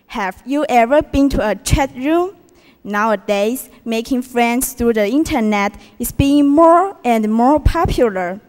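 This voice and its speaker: A Taiwanese teenage girl whose first language is Mandarin delivers a prepared English contest speech with a Taiwanese accent, reciting carefully and posing questions to the audience. Her voice is on the high side, expressive, measured and a little mellow, captured from a distance in a reverberant school auditorium.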